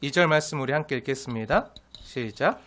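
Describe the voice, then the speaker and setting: A male pastor preaching an expository sermon, lively and animated, often asking the congregation questions. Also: mid-range voice, a little fast.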